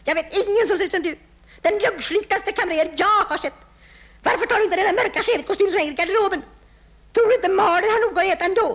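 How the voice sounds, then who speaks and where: A shrill nagging housewife. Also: female voice. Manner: nagging, reproachful, theatrically wounded. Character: nagging middle-aged housewife, shrill and endlessly scolding. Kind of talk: vintage radio comedy sketch.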